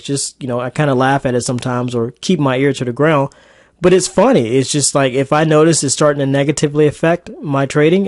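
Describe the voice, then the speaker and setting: A man's voice: medium pitch, no room sound, studio quality. A man coaching traders in a casual, chatty screen-recorded market recap lesson. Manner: casual, chatty, with fillers and asides. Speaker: trading coach.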